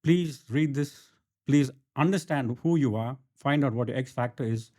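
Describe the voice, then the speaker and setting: A middle-aged man from Bangalore, India, with an Indian accent, speaks in a warm, medium-pitched voice at a normal pace. He is an entrepreneur and author appearing as an interview guest, telling his story emphatically in a conversational way and often checking in with the listener.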